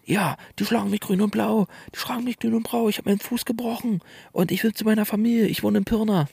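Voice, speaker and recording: A man putting on a confused, shouting older woman. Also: steady tone, fast talker, gravelly, slightly rough, no echo, heavily acted. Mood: pleading. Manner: shrill, insistent pleading.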